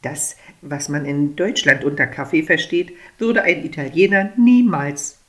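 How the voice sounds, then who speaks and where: A woman reading aloud and voicing a brisk, sly waiter at an Italian restaurant. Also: low voice. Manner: brisk and polite, with a sly edge.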